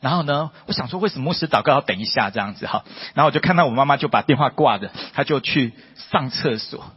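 A man's voice: quick pace, slightly rough. A man preaching a testimony sermon to a church congregation, emphatic and full of rhetorical questions. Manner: emphatic, rhetorical questions, rising to high excited peaks. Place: church hall. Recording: dull lo-fi audio with long hall reverb.

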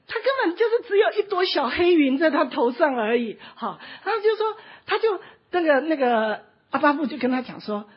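A woman, preaching an emotional sermon, impassioned and often close to tears, dotting her sentences with little "ha" tags. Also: high-pitched. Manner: impassioned, often near tears, frequent "ha" tag particles. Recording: dull lo-fi recording.

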